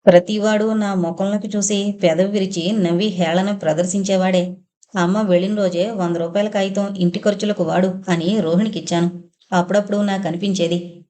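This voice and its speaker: A woman narrating a first-person audio novel in a steady, even storytelling manner. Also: mid-range voice.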